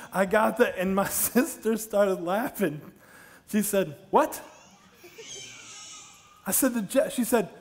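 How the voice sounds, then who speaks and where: A middle-aged man preaching a sermon on a large church stage, telling stories and joking with the congregation. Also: very high voice. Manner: storytelling, animated, jokes with the congregation. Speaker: pastor.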